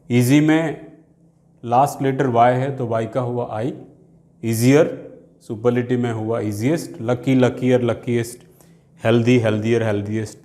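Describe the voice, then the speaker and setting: A man's voice: medium pitch, a little mellow. A man teaching English grammar in Hindi, spelling out words letter by letter and saying English examples with an Indian accent. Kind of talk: grammar lesson.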